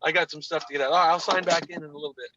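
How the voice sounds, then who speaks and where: Driving in his car, a man chats casually on a video conference call, laid-back and drawling, often calling his listener "man." His fairly high, sharp voice races along with fairly even intonation. The call audio has no echo, but the highs are cut off.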